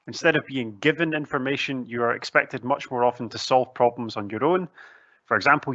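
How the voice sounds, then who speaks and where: A man's voice: mid-range voice, sharp tone, no echo, dull audio. A young man with a broad Scottish accent giving a chatty, articulate, lightly humorous presentation into a headset. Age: young adult. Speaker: student recruitment officer giving a presentation. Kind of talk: conversational pre-recorded presentation. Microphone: headset, seen on webcam.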